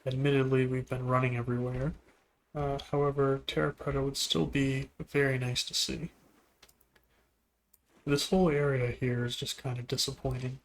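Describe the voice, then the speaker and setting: A man giving relaxed, musing commentary while playing a video game, now and then talking to things on screen. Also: medium pitch, moderate pace. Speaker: gameplay video host. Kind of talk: casual gameplay commentary.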